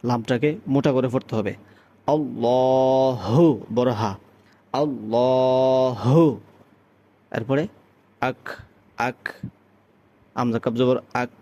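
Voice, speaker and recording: A man from Bangladesh gives a call-to-prayer pronunciation lesson at a middle pitch. He explains step by step in a measured way, then slows into long, sung demonstrations of each phrase. His voice stays plain and even between explanations and chanting. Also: muffled recording. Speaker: azan teacher.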